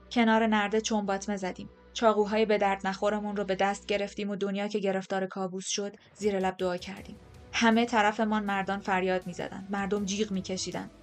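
A woman reads a first-person audiobook at a measured, steady pace, with soft drama in her delivery. Her voice sits in a middle range for a woman. Faint music plays underneath. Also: mid-range voice. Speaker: audiobook narrator.

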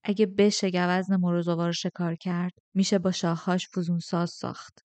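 Lady voicing a low-key commanding guy, quiet and controlled, dry sound. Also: flat delivery, no room sound, natural voice. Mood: calm. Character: powerful commanding man, calm and quietly dangerous.

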